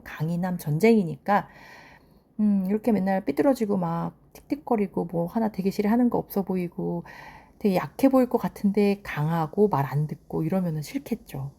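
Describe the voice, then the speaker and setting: A middle-aged woman in a casual drama recap, retelling scenes with animated commentary on the characters. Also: fairly low pitch, fairly quick, husky. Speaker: drama reviewer.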